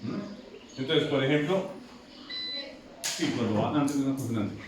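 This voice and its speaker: A man's voice: medium pitch, animated, unhurried, far from the mic. A man teaching an English pronunciation lesson to a class, repeating himself and often checking whether the students follow. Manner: repetitive, asks students checking questions. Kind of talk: classroom lecture. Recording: very echoey classroom from afar, noisy.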